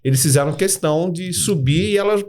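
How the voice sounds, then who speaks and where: Podcast guest, man, slightly high voice, keen anecdote teller. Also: brisk, a little mellow. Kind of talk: podcast conversation.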